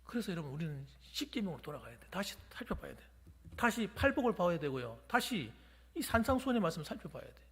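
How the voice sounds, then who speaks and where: A man's voice: high-pitched, sing-song, fast, slightly rough, big-room sound. A pastor preaching a sermon in a church, emphatic and urging his congregation. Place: church sanctuary during a weekday service.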